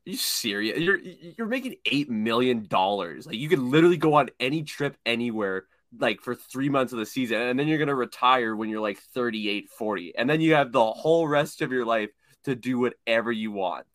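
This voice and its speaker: A young man co-hosting a casual sports podcast, talking in an animated, opinionated way and repeating words when he gets worked up. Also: mid-range voice, fairly quick, few pauses, dry recording, clean studio sound. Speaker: podcast co-host.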